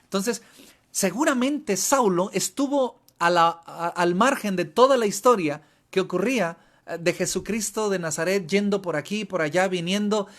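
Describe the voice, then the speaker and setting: High-voiced Mexican man preaching with fervor. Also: moderate pace, a bit bright. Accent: Mexican Spanish. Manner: impassioned, repetitive emphasis, frequent restarts. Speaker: pastor. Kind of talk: sermon. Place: church.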